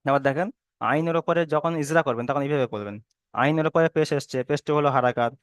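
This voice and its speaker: A man's voice: on the high side, quick pace, clean tone, no room sound. A man teaching a reading class online, patiently repeating and drilling each sound.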